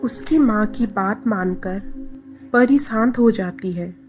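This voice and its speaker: A woman narrating a dramatic scripted story in a steady telling voice. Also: mid-range voice, slow pace, faint music behind.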